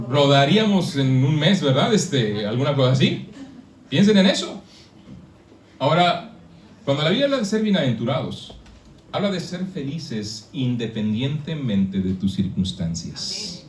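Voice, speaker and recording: A man from Mexico delivers a sermon in an echoey church hall, his voice fairly high for a man. He stands some way from the microphone, and a faint room hum sits under him. His preaching is chatty, and he keeps turning to the congregation with questions. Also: distant mic. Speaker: pastor. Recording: echoey church, speaker away from the mic.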